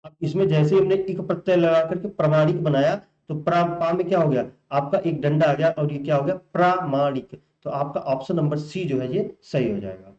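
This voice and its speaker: A man's voice: a little high, fairly quick, warm tone. A man teaching as a Hindi exam tutor, going through spelling questions and repeating each answer back to the learners as a question. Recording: roomy, muffled recording.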